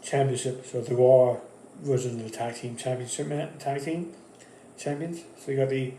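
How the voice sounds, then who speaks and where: A man talks through his wrestling picks in a casual, rambling monologue, stopping and restarting his sentences often. His voice is mellow and dark. The recording has a roomy echo with a faint background hum. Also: medium pitch, fairly even intonation, moderate pace. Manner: rambling, with many fillers and restarts. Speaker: wrestling channel host. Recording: echoey room.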